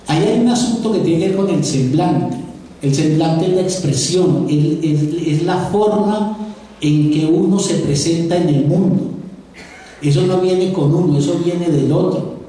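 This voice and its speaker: A professor from Antioquia, Colombia, lectures live in an auditorium with a Paisa Spanish accent, speaking conversationally to his audience and often repeating words as he thinks. His voice is a little high and mellow, at a measured pace. The recording is echoey and distant, with faint noise.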